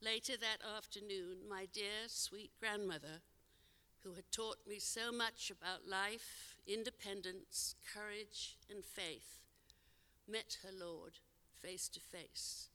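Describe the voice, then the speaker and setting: A woman's voice: mid-range voice, steady tone, slow, sharp tone. Older woman telling a memoir in a hall. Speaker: storyteller. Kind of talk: told personal memoir on stage. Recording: long hall reverb.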